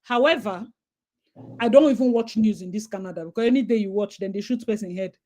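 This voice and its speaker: A Nigerian woman with a Nigerian accent hosts a casual chat, speaking fast at a medium pitch. She is an animated storyteller and slips into pidgin as she tells her stories.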